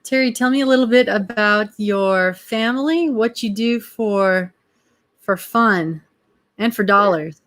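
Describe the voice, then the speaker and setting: A woman's voice: medium pitch, a little slow, fairly bright tone. A woman host asking friendly, easygoing questions in a casual interview.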